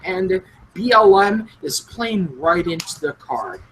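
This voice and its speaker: A man's voice: sits high, big pitch swings, slow pace, fairly bright tone, slight background noise, rough recording. A man co-hosting a casual live-streamed talk show, speaking emphatically and repeating phrases as he builds his point. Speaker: podcast co-host. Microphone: headphones and computer mic.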